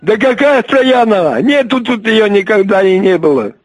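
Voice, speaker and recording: A man's voice: sits high, expressive, normal speed, dry recording. A man answering the phone, impatient and irritated, repeatedly asking who is calling. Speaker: call recipient.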